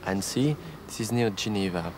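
A man from France, a native French speaker, speaking halting learner's English with a French accent. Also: on the low side. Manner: halting, with pauses.

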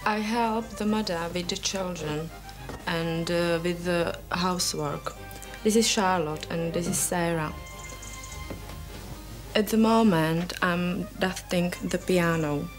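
A woman's voice: lowish voice, slow pace, music in the background. Slovak woman speaking careful learner's English.

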